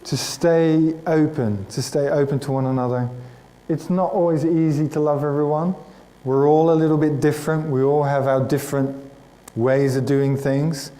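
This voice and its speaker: A man's voice: on the high side, steady tone, normal speed, hardly any pauses, warm tone, poor audio. A man preaching to his congregation, telling a personal story in a chatty, self-mocking way and addressing listeners by name. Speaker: pastor. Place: church hall.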